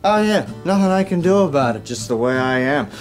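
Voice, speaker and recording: A man's voice: a little high, expressive, brisk, natural voice. A male actor plays a grumpy, sarcastic diner owner in a TV comedy-drama. He rants in escalating comic indignation, piling complaint on complaint. Music plays behind him. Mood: agitated.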